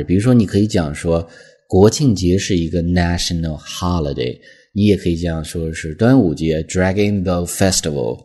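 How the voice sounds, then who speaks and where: Husky low-voiced male English teacher. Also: a little mellow. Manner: patient, explains slowly and reads English examples carefully. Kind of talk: language lesson explaining vocabulary.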